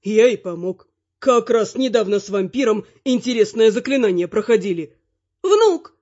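A woman reads a fantasy audiobook aloud in an even, expressive storytelling voice of middle pitch. The recording sounds slightly dull, with its highs muted. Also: moderate pace. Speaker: audiobook narrator.

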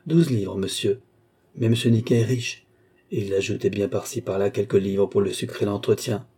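A man lends his low voice to a humble peasant wet nurse from an old storybook, plain-spoken and deferential. His tone stays dark and a touch husky throughout. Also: normal speed.

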